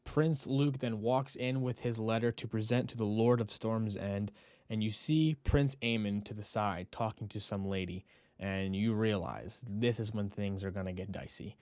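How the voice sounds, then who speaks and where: A man's voice: lowish voice, normal speed, dry recording. Man recapping a show in a dry close voice. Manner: animated storytelling, acting out characters' lines. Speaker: podcast host. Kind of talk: casual recap of a TV episode.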